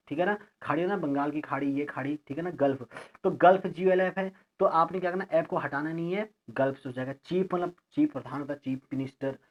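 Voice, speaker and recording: A man teaching an English grammar lesson, explaining each word slowly, spelling it out letter by letter and checking in with his students. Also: fairly high pitch. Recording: lo-fi recording.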